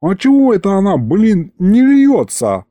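A man's voice: sits high, huge pitch swings, measured pace, warm tone, no echo, pitched above the performer's own voice, full character voice. A man voicing a panicky little imp who wails in street slang in a storybook reading. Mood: panicky wailing. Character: panicky small male imp sidekick, slangy and loud.

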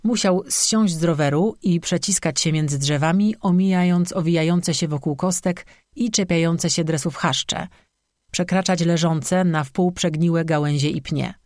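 Audiobook narrator with a wry, sarcastic delivery, dry close recording, mid pitch. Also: moderate pace, a little mellow, no room sound.

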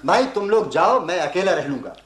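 A man's voice: high voice, animated, a little fast. A man playing an irritable young husband who scoffs at ghost stories, in a roomy old radio drama recording. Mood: scoffing. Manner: scoffing, impatient. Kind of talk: vintage radio drama acting.

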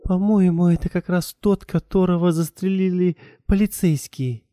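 A male audiobook narrator voicing a desperate, angry woman, in a high, strained falsetto. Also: steady tone, moderate pace, dark tone, dry recording, clean studio sound, natural voice. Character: frantic middle-aged woman, desperate and angry. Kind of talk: audiobook character voice.

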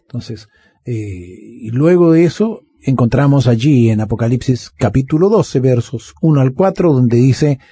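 A male pastor speaks on a religious radio program in a warm, pastoral manner, reading scripture aloud and explaining it. His voice is dark and a little husky. The sound is close and dry. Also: mid-range voice, lively intonation, a little slow, no echo. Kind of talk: Bible study conversation.

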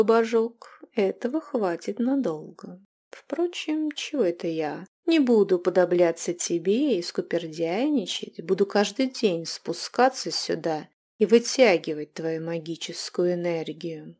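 A woman's voice: fairly low pitch, lively intonation, unhurried, mellow. Gema, a woman voicing a mocking vampire queen witch. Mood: triumphant. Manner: mocking, taunting, hissing. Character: scheming ancient female vampire queen witch. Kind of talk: audiobook character voice.

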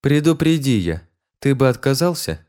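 A man voicing a princess who speaks calmly and coldly. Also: mid-range voice, moderate pace, clean tone, voice pushed up, close to an everyday voice. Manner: calm and cold. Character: cool haughty princess, a young woman.

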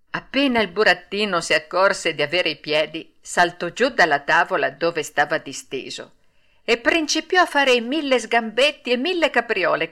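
A woman narrating a classic children's storybook aloud in an expressive, lilting way. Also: mid-range voice. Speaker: audiobook narrator.

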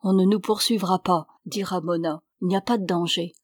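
A woman reading the lines of a tender, devout young runaway woman in a storybook, in a soft voice that lifts when she is moved. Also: fairly low pitch, fairly even intonation, normal speed, dry recording, studio quality, close to an everyday voice. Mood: earnest.

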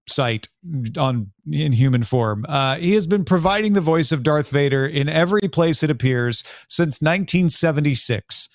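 Male podcast host, wry and brisk, slightly high voice, dry close sound. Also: no room sound. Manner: brisk, wry, reads news items. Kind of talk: casual chat.

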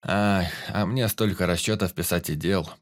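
A man's voice: low voice, normal speed, lightly acted. A man voicing a grumbling male mage in an audiobook, close to his own voice.

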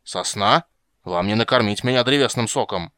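A man voicing a grumpy, stubborn old male dwarf who shouts and curses in an audiobook. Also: fairly low pitch, normal speed, no room sound, clean studio sound. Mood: shouting. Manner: gruff, shouting, cursing.

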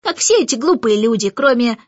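A woman's voice: a little high, lively intonation, fairly quick, breathy edge, no echo, highs cut off. Woman voicing a cheeky mocking starling. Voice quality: teasing, sly. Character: cheeky chattering male starling bird, mocking.

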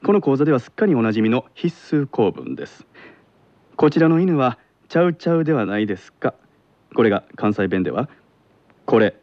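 A man playing a calm teenage boy who teaches Kansai dialect in a radio skit, speaking with a Kansai accent in a patient, measured way. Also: medium pitch, no echo, highs cut off, natural voice. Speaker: lesson host in a radio skit.

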